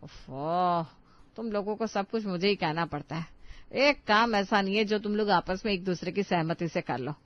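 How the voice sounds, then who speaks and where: A woman's voice: mid-range voice, normal speed, dry recording, close to an everyday voice. Scolding stern mother-in-law, voiced by a woman. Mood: exasperated. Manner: sharp, scolding, nagging. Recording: dull lo-fi sound.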